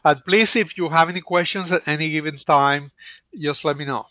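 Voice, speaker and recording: A man teaching an online lecture as the instructor, speaking hesitantly with many pauses and restarts into a computer microphone. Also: a little high, steady tone, bright, forceful tone, dry recording.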